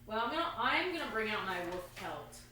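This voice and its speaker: A woman's voice: mid-range voice, sing-song, a little fast. A woman talking casually as a player in a tabletop role-playing game. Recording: echoey room, distant mic, background noise.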